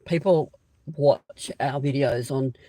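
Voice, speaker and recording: A man's voice: medium pitch, dark tone, poor audio. Rambling Australian man, live outdoors. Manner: rambling, hesitant, many pauses and restarts. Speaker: channel host. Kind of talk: casual live-stream chat. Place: outdoors beside a railway siding.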